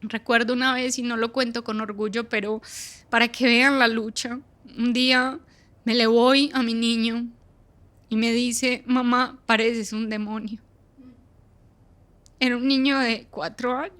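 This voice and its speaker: A woman's voice: a little high, little pitch movement, moderate pace, fairly bright tone. A middle-aged woman, giving an earnest personal faith testimony and acting out her own past words.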